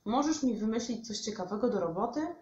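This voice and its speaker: A woman's voice: fairly high pitch, expressive, fairly quick, darkish tone, a little hiss or hum, voice pushed up, lightly acted. A woman voicing a bored, whiny young male squirrel in a storybook reading. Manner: whiny, sighing. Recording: echoey room, dull lo-fi sound.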